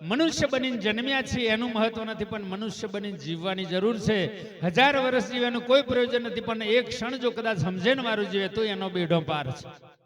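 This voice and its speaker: High-voiced man preaching a devotional sermon. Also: fairly quick, a bit bright. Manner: calls out chanted praise cries between story passages; asks the listeners rhetorical questions.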